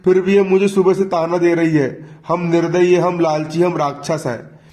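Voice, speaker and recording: A spiteful old mother-in-law who whines and accuses in a classroom retelling of a play, voiced by a male teacher. Her voice sits a touch high. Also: little pitch movement, normal speed, darkish tone, lightly acted. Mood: accusing. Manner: accusing and whining.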